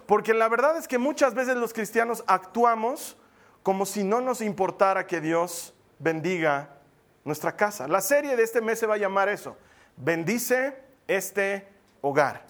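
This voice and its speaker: High-voiced male pastor preaching. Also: measured pace. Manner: lively, jokey preaching with acted asides. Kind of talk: sermon. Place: church hall with congregation.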